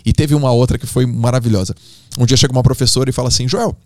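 A man's voice: medium pitch, little pitch movement, racing, a little mellow, no echo, clean studio sound. A man from Brazil with a Brazilian accent, a podcast guest telling emotional stories in a slangy, acting-out way. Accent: Brazilian Portuguese. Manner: emotional, acts out voices, slangy. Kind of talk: animated storytelling in conversation.

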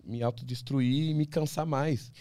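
Brazilian runner guy on a podcast, mellow dark voice, dry close mic, lots of restarts. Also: medium pitch, unhurried, dry recording. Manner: animated storyteller, many restarts, acts out quoted voices. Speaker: ultramarathon runner, podcast guest. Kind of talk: casual interview talk.

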